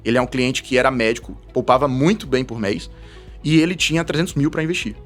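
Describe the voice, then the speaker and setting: Man, twenties, fast storytelling, mid pitch. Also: faint music behind. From Salvador, Brazil. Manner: fast, animated storytelling with frequent laughs. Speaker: guest, investment advisor. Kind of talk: casual podcast interview.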